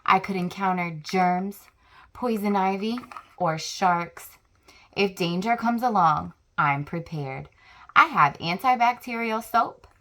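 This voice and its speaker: A woman's voice: mid-range voice, a bit bright. A woman reading aloud as a timid, anxious male storybook squirrel who is overprepared for danger. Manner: reading in the first person, careful and slow.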